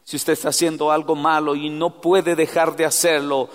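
A man preaching with a fairly high voice, dropping to hushed asides and then rising into loud, fervent exhortation. He calls his listeners brother as he talks to them directly. His voice rings with a long hall reverb. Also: little pitch movement, normal speed. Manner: swings from soft, near-whispered asides to loud fervent exhortation. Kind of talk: sermon.

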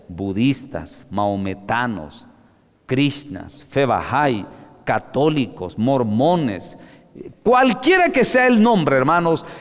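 Male preacher, animated sermon delivery, loud peaks and near-whispers, long hall echo. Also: medium pitch. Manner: swings between loud exclamations and hushed asides; addresses listeners as brother.

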